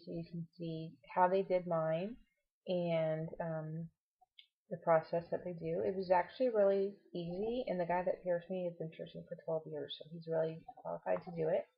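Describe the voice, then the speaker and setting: A woman's voice: fairly low pitch, husky. A woman giving a casual, explanatory vlog update with reassuring advice, her speech affected by a swollen tongue. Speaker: vlogger. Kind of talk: casual personal update to camera. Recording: dull, muffled lo-fi home recording.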